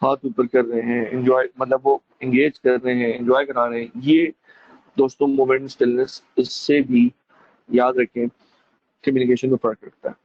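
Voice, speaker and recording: A male teacher gives a classroom lecture, calling students friends, mixing in English phrases and demonstrating with lively emphasis. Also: mid-range voice, normal speed, dry recording. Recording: dull lo-fi dry recording.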